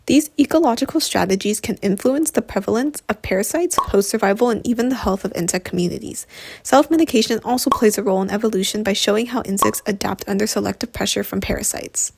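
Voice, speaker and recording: A woman's voice: medium pitch, fast, vocal fry, slightly rough, no room sound. A woman co-presenting with scripted, expository educational narration.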